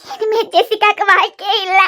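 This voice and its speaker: A woman's voice: little pitch movement, normal speed, bright, forceful tone. A woman voicing a heartbroken, scheming young woman in a cartoon serial. She speaks with a Kanyakumari Tamil accent and sounds tearful and self-pitying. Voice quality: very high-pitched.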